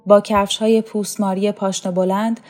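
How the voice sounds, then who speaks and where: A woman narrating a story in a calm, measured reading voice. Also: medium pitch. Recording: faint music underneath.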